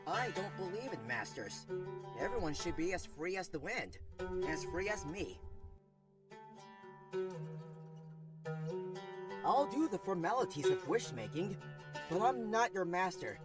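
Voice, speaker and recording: Casting: actor as cocky young male cartoon hedgehog hero, breezy and slangy, very animated delivery, loud music underneath. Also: mid-range voice, moderate pace, natural voice. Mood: breezy, assured. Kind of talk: cartoon comic dub acting.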